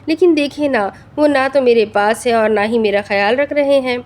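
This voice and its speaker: A woman's voice: a little high, lightly acted. A woman voicing a tearful, clinging young pregnant wife who pleads in an upset voice.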